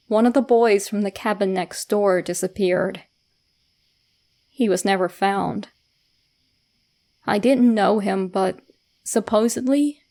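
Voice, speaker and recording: A woman reads a scripted first-person horror story in a soft, hushed, measured storytelling manner with suspenseful pauses. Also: medium pitch, gravelly.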